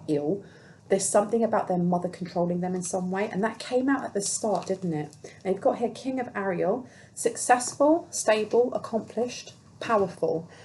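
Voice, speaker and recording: A woman's voice: mid-range voice, a little mellow, slight background noise, low-quality recording. A woman giving a casual, chatty tarot reading, reading card meanings aloud and musing on them. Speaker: tarot reader.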